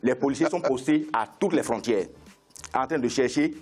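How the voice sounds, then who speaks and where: A man's voice: mid-range voice, normal speed, a little mellow, breathy edge, soft background music. A man, arguing insistently as a political guest in a heated debate, repeating himself and stumbling over words. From Benin.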